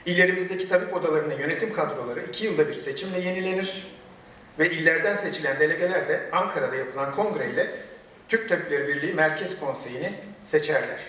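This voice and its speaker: Man, podium microphone, formal ceremony speech, emphatic measured oratory, slightly raised voice, big echoing hall, distant from the mic. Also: a little high, bright, forceful tone. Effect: speaking from a podium microphone. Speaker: medical chamber president giving a ceremony speech. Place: large echoey hall.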